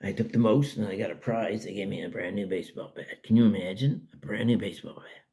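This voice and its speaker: Gravelly older man telling stories. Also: lowish voice, fast talker. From Canada. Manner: rambling, folksy, lively storytelling. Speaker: storyteller. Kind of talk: casual spoken memoir.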